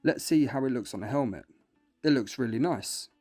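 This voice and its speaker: Reading a scripted product review a little fast, the man uses a mid-range voice and an instructional, step-by-step approach. A music bed plays behind his voice.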